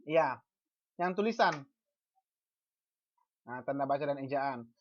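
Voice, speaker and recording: A teacher lectures an online class over a video call in an expressive, slow, mid-range voice, posing questions to the class and answering them. There are frequent false starts and repeated syllables, and the sound is lo-fi.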